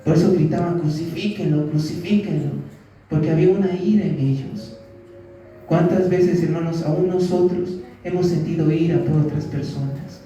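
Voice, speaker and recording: A man's voice: a little high, steady tone, moderate pace, mellow, a little hiss or hum. Echoey man preaching a sermon. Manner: preaching with rhetorical questions and acted quotes. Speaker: pastor. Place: church. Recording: very echoey church hall, mic at a distance.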